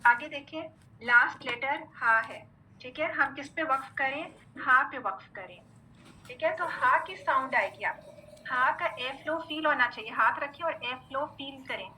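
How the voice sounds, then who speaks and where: A high, very bright-voiced woman leads a recitation lesson, patiently sounding out each letter and checking understanding. A faint hiss sits under her voice. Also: poor audio. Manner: patient, repeats "theek hai" often; drills letter sounds slowly. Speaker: Quran recitation teacher. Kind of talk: online tajweed lesson.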